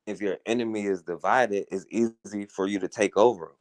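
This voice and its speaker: A talk radio host with a lowish, slightly dark voice gives an earnest, casual monologue at a moderate pace. He keeps checking in with listeners through "you know" and "right?", and the sound is close and dry with no echo.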